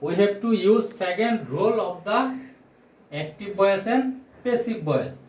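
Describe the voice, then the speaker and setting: Standing at a whiteboard in a small room with bare walls, a man in his forties whose first language isn't English walks through grammar slowly and loudly, echoing key phrases and asking questions he doesn't expect answered. He sounds high-pitched, expressive and slightly mellow. The distant camera or phone microphone leaves a roomy echo.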